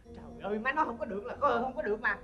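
A fussy, nagging older mother, acted by a woman in a stage comedy sketch, speaking with a Southern Vietnamese accent. Her voice runs high, bright and fast as she scolds and exaggerates. The recording sounds slightly dull, with faint music behind her. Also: lightly acted. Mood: scolding. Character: fussy, picky older mother judging brides.

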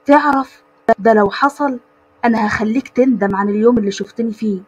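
A woman voicing a furious young male company boss who shouts threats in an Egyptian accent, husky and quick. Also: fairly high pitch, muffled recording. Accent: Egyptian Arabic.

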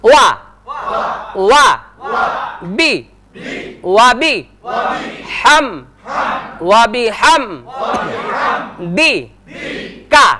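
A male Quran teacher leading a televised lesson, spelling out Arabic syllables and chanting them slowly for students to repeat. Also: extremely high pitch, crowd noise. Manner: slow drawn-out chanting of syllables, brisk instructions in between.

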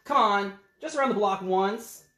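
A pushy little storybook pigeon, as a man puts him on. The voice is lifted and excitable, whining and wheedling like a cartoon beggar. It rings in a roomy space with music behind it. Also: high-pitched, moderate pace, pitched above the performer's own voice. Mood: eager, coaxing. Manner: wheedling, whiny, exclaiming. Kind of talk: children's picture-book read-aloud.

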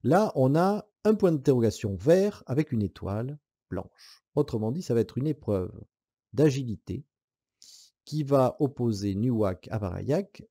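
Man with a very dark, lively voice. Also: medium pitch, measured pace, dry recording, clean studio sound. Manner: thinks aloud, counting dice and weighing moves; casual, with hesitant fillers and soft laughs. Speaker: board game player explaining rules. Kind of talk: solo board game playthrough tutorial.

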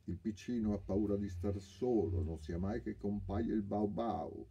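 A man's voice: low-pitched, normal speed, warm tone, husky, voice pushed up. An actor reading aloud plays a bullying male car thief who taunts and threatens, raising his voice. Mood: mocking.

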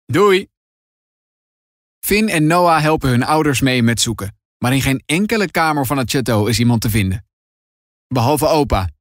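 A man narrating a children's adventure audiobook in an expressive storytelling manner. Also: mid-range voice, normal speed, no room sound, studio quality. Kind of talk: scripted narration.

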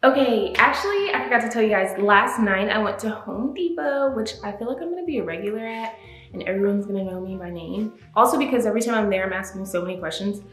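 Showing viewers around her empty new home, a woman in her twenties chats in a quick, expressive, fairly bright voice of medium pitch, upbeat and slightly breathless. Faint music plays behind this casual home-tour vlog.

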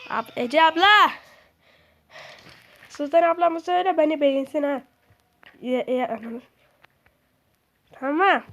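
High-pitched excitable young woman gamer. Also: unhurried, pauses often. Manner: excitable, swears and shrieks at the game. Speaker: gaming streamer. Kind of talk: casual game commentary.

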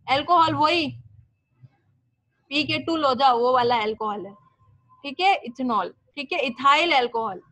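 A young woman with a high, somewhat bright voice teaches a biology class, explaining step by step and answering her own questions. She mixes English terms into Hindi, and the recording has no room sound.

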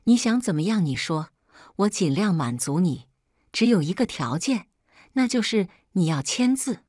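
A woman's voice: fairly low pitch, sing-song, moderate pace, darkish tone, no room sound, studio quality. A woman voicing a cheating middle-aged husband who speaks in a curt, businesslike, impatient way. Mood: cold, impatient.

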